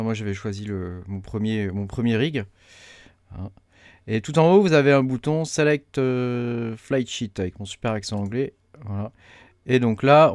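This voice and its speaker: A man talking through a software setup tutorial, hesitant with many fillers as he clicks along. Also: lowish voice, dry recording, studio quality. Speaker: crypto mining tutorial host. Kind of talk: casual screen-recorded tutorial.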